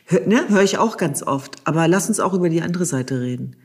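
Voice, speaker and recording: Husky, impassioned speaker in a discussion. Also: medium pitch, animated, brisk. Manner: emphatic, urgent, repeats phrases for stress. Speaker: discussion partner. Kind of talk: impassioned conversation.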